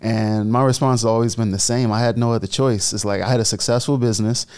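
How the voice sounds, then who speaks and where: A Bahamian man in his thirties tells his story in a relaxed, easy way on a podcast set. His voice sounds smooth and resonant, and his pitch sits in the middle. He speaks close to a studio mic. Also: fast talker. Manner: relaxed storytelling, gestures while talking. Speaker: guest entrepreneur. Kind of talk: casual podcast interview. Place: studio set with leather armchairs. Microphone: boom-arm studio mic.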